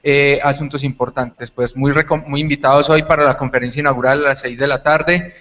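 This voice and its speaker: Flat-voiced man moderating. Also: mid-range voice, brisk. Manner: flat, hesitant with fillers. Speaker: event moderator. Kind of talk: closing remarks.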